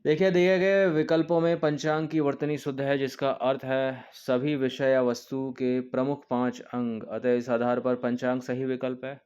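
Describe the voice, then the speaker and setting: A man's voice: medium pitch, flat delivery, normal speed, few pauses, a little mellow, smooth, muffled recording. A male coaching teacher walking through an exam test paper, explaining each answer step by step and repeating key points. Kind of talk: test-paper walkthrough lesson.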